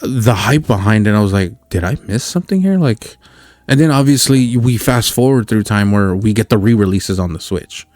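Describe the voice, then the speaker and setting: A man's voice: fairly low pitch, normal speed, a little mellow, no room sound. A man co-hosting a podcast, chatting casually about video games in a rambling way with many fillers and restarts. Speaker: podcast co-host.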